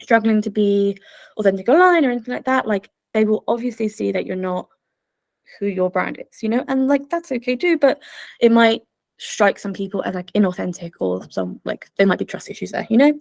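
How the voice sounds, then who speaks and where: A woman's voice: mid-range voice, a little fast, vocal fry, darkish tone, dry recording. A young woman presenting an online workshop in a bubbly, chatty way, full of fillers. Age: young adult. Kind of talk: casual online workshop talk.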